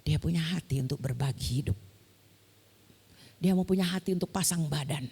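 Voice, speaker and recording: A woman's voice: normal speed, vocal fry, husky. A woman pastor preaching in a church, telling stories animatedly and acting out the voices of the people she quotes. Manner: animated, acts out quoted voices with big pitch jumps. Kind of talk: sermon storytelling. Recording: long hall reverb.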